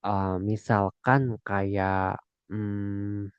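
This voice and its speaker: A man's voice: lowish voice, flat delivery, drawn-out words, clean tone, dry recording, dull audio. A young man teaching a language lesson in a chatty way, often checking that listeners follow. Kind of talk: casual explanatory lesson.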